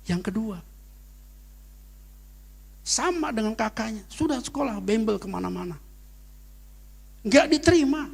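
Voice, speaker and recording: A middle-aged man preaching a sermon as pastor, telling personal stories in casual slang and rising to sudden loud peaks. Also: high-pitched, expressive, a little slow, creaky, pauses often, slightly rough. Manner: casual Jakarta slang in anecdotes.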